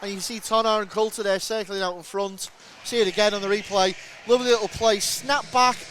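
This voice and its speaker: A man giving brisk live play-by-play commentary on an ice hockey game, rising in pitch and volume as shots come in. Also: fairly even intonation, a bit bright, a little hiss or hum.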